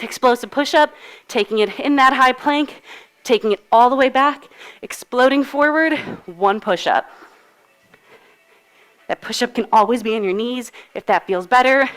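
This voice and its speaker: A woman's voice: a little high, normal speed, pauses often, fairly bright tone. A woman coaching a live workout, out of breath while she cues moves and counts down. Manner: upbeat, encouraging, cues moves while exercising. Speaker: fitness instructor. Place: fitness studio.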